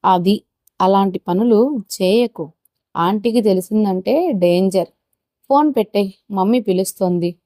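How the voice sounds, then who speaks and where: Woman narrator voicing an anxious teen girl, trembling delivery, warm dry sound. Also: medium pitch, a little slow, long pauses, no echo, close to an everyday voice. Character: nervous teenage girl, cautious.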